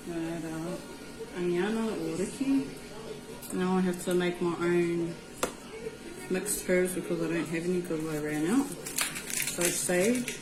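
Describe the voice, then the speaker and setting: A woman with a New Zealand Māori accent giving an easygoing, informal cooking tutorial, mixing in Māori words. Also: fairly low pitch. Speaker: home cook presenting a recipe. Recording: roomy echo with music behind. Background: music.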